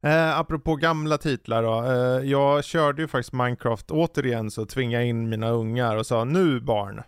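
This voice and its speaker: A man co-hosting a podcast, chatting casually and telling lively anecdotes about playing games with his kids. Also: mid-range voice, smooth, no echo, clean studio sound. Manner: lively storyteller, acts out anecdotes. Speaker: podcast co-host; parent. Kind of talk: casual chat.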